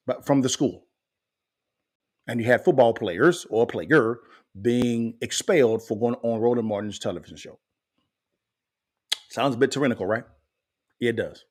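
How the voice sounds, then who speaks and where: A man hosting a podcast, giving fired-up commentary and asking the same pointed questions again and again. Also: mid-range voice. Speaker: podcast host. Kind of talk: impassioned commentary.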